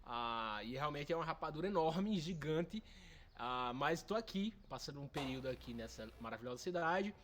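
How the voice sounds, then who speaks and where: A man, answering interview questions as a nutritionist. He explains with eager enthusiasm. His voice sits a little on the high side. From Brazil's Northeast, Pernambuco. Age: 20s. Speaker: nutritionist guest.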